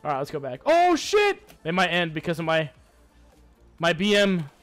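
A young man giving excitable, hyped commentary while playing a video game, swearing and taunting his enemies. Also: fairly high pitch, fairly quick, soft background music. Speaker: gaming YouTuber. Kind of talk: live gameplay commentary.

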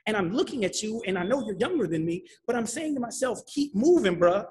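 A man moderating a panel, animated and emphatic, often repeating himself and asking "right?". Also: sits high, fast talker. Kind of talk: panel discussion.

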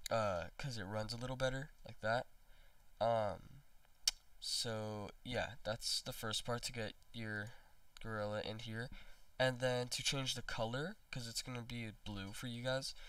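A man's voice: medium pitch, sharp tone, dry recording, distant mic. A young man with a congested voice, rambling through a casual screen tutorial with many ums and restarts. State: congested after being sick. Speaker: tutorial maker.

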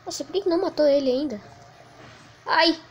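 A woman with a Brazilian Portuguese accent giving let's play commentary, excitedly yelling at the enemies on screen. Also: high voice, fairly quick. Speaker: gaming channel host.

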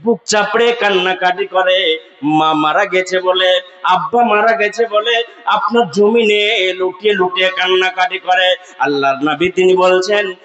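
A man's voice: high-pitched, steady tone, unhurried, highs cut off. A male preacher giving an impassioned sermon, asking the crowd questions and breaking into sung chanting of Arabic verses. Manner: impassioned, slips into sung chanting and shouted climaxes; asks the audience call-and-response questions.

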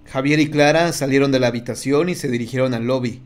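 A man reading a horror audiobook in a steady, measured storytelling voice. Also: mid-range voice, soft background music. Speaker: narrator. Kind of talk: scripted audiobook narration.

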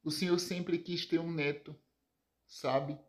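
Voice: medium pitch, steady tone, takes it slowly, close to an everyday voice. Narrator as grown son, earnest, justifying, near-natural voice, roomy echo. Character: grown son explaining himself to his father.

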